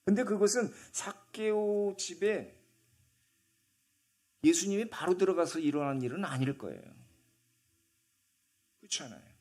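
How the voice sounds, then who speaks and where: Male pastor preaching in church, talks like a chat, keeps asking the congregation questions, mellow low-ish tone. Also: expressive, a little slow, long pauses. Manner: conversational, asks the congregation questions. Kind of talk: sermon.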